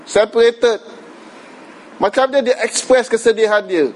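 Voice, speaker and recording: Poor audio captures a very high-pitched Malaysian religious teacher speaking at a measured pace with a darkish tone. His lecture is informal and conversational, full of English words and frequent "kan?" tag questions.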